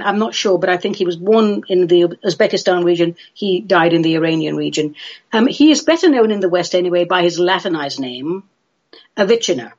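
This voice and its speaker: A London woman with a London English accent hosts a chatty solo radio show, playful, theatrical and droll. Her voice is lowish and the audio sounds dull.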